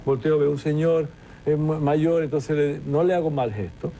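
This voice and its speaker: A man's voice: on the high side, normal speed, noisy background. A man, a television presenter guest in an interview, talking reflectively and telling anecdotes with frequent restarts. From Venezuela. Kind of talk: conversational interview storytelling.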